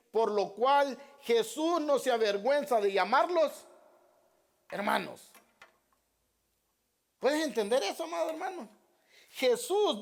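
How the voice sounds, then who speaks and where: Man, pastor, sermon, high-pitched voice, rhetorical questions, repeats scripture references. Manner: repeats Bible references and addresses listeners as beloved brothers; asks the congregation rhetorical questions.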